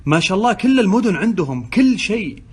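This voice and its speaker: A man's voice: high-pitched, sing-song, fast, slightly rough. A man chatting playfully and exclaiming as he vlogs to his phone from his car. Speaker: social media vlogger. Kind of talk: casual chat to phone camera. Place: in a car and at a petrol station. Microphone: phone held by hand. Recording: phone recording with loud traffic noise.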